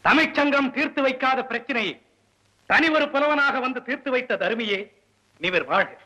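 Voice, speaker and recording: A man's voice: very high voice, expressive, moderate pace, bright, forceful tone, full character voice, rough recording. An actor playing a dignified male king who speaks in formal royal phrases, in classic film drama dialogue. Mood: regal. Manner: formal royal decree speech.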